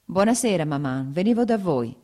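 A woman's voice: fairly low pitch, animated, moderate pace, warm tone, natural voice. Brief: woman reader doing a frowning young officer in a storybook, clipped and cold. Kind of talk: audiobook character reading.

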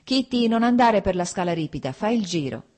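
A woman's voice: lowish voice, very animated, brisk, darkish tone. A woman reading the part of an impulsive young male landowner in an audiobook, with an eager, raised voice. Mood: excited.

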